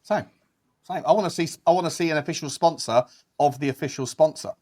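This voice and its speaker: A man's voice: on the high side, fast talker, a little mellow. A man joking in casual banter on a football panel.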